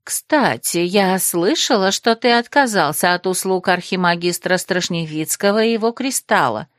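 A woman's voice: fairly low pitch, expressive, normal speed, no echo, studio quality, lightly acted. A woman voicing a haughty, catty young aristocratic woman in an audiobook, drawling and reproachful.

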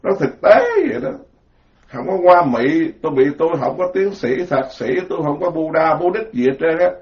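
On a dull lo-fi recording, a Buddhist monk with a Southern Vietnamese Mekong Delta accent gives an informal, joking sermon, piling words into emphatic lists. His voice is fairly high, darkish, and a little fast.

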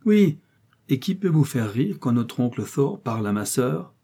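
A man's voice: medium pitch, sing-song, a little slow, dark tone, slightly rough, heavily acted. A man voicing a hot-headed, proud young man who speaks vehemently and with solemnity. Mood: confrontational.

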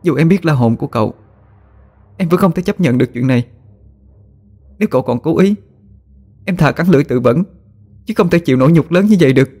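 A terrified young bride in a spoken ghost story, her voice lifted high and trembling as she stammers and begs, as a male narrator puts her on. She pleads in a rush, tearful and desperate. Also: animated, a little fast, pauses often, warm tone, husky. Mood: pleading, tearful. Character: frightened young wife pleading, woman.

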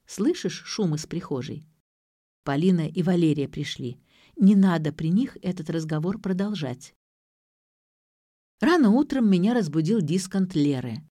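Woman narrating an audiobook, dark voice. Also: lowish voice, animated, normal speed, dry recording, studio quality.

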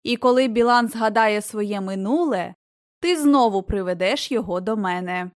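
A woman's voice: mid-range voice, normal speed, no room sound, clean studio sound, close to an everyday voice. A woman voicing a cunning giantess sorceress who gives sly, commanding orders in a storybook reading.

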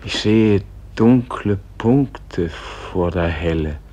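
An actor playing a dying, weary and pleading Gandhi in a solemn poetic radio play, grave and halting, with a husky, breathy voice. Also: male voice, low-pitched, expressive, warm tone, full character voice. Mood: awed, faltering. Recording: dull, muffled old radio recording.

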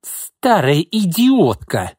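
A man voicing a haughty, scheming woman who talks in a shrill, icy, sneering way. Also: animated, moderate pace, darkish tone, no echo, clean studio sound. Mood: shrill angry.

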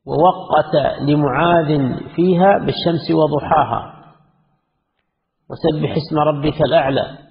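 A man delivers a religious lesson, reading from a classical text in a measured manner and adding his own comments. His slightly high voice carries a gravelly edge. The audio is tinny and phone-like, with a long echo from the hall. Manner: measured, reads quoted passages then comments. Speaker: Islamic scholar teaching a text.

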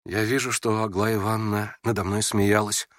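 A man reading aloud and voicing a gentle, timid young prince who speaks softly and hesitantly. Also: on the low side, a little fast, no room sound, clean studio sound, pitched below the performer's own voice. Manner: soft, hesitant, stammering.

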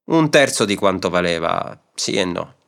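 A man voicing a stubborn old male pot-mender in a story reading, answering calmly and slowly. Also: low voice, gravelly, voice pushed down, heavily acted. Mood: grumbling. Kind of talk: audiobook reading of a classic story.

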